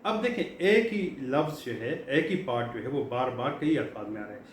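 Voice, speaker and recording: A man's voice: mid-range voice, expressive. Middle-aged guy teaching vocab, repeats stuff a lot, lots of "uh", echoey room. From Pakistan. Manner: explanatory, repeats key words, frequent fillers. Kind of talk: classroom lecture. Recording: echoey room, faint background hum.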